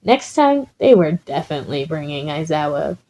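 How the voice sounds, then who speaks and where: A woman with a low, sing-song voice and a warm tone reads a comic story at a moderate pace. She is a fan fiction reader and host, and after the narration she moves into casual chat.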